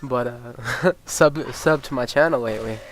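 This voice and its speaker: A gaming YouTuber with a stuffy, sniffly nose chats casually over gameplay in an unhurried, mid-range voice, and the audio is poor. He rambles with lots of ums and uhs, swears freely, and gets excited and incredulous about game balance.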